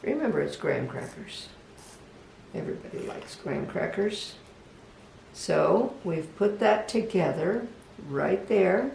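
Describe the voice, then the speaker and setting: Gravelly creaky voice, gentle unhurried craft instructor, casual demonstration, echoey room, mic far off. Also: mid-range voice, lively intonation. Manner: gentle, unhurried, talks to the project. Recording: echoey room, voice from a distance, faint background hum.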